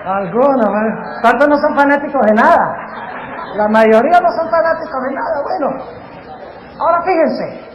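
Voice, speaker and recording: A male pastor delivers a lively sermon, firing questions at the congregation. His voice sits high, and it rings out through a large hall with a long reverb tail and a faint hum behind it. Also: dull audio. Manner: animated, quizzes the audience with questions. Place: large hall before a live audience. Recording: echoey hall, faint noise.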